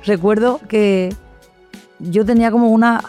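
Woman, reflective testimony, hesitant pauses, faint music behind. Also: medium pitch, steady tone, warm tone. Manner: reflective, frequent hesitations and tag questions. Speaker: guest. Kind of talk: personal testimony in conversation.

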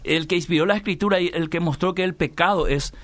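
A man with a fairly high voice gives conversational Bible teaching as a guest on a talk program. He keeps asking rhetorical questions and answering them himself, in a preachy way. The sound is dry and close, with no room echo. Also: fast, fairly bright tone. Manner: often tags phrases with "¿verdad?" and addresses the interviewer by name.

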